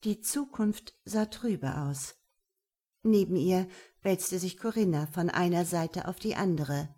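A woman narrating an audiobook in a measured, even storytelling manner. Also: on the low side. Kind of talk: scripted narration.

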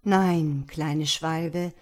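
A woman's voice: deep voice, steady tone, extremely slow. A woman reading a fairy tale aloud and voicing a selfless, sad statue prince who speaks earnestly and insistently. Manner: earnest, insistent, softly commanding.

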